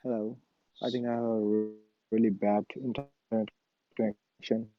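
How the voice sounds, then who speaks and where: A man's voice: lowish voice, flat delivery, highs cut off, soft background music. Man on a choppy, breaking-up call line. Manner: halting, lots of uh and like fillers. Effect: choppy internet call audio breaking up. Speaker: caller asking questions. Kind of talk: online group call.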